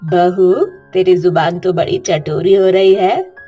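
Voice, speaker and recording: A woman's voice: on the low side, steady tone, slow pace, dark tone, soft background music. A woman voicing a domineering older mother-in-law in a cartoon story, who talks in a harsh, scolding way.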